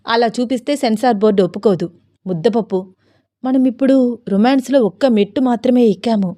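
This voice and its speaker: A woman's voice: a little high, a little fast, warm tone, no room sound, natural voice. A woman voicing a teasing, eager young husband who scolds playfully.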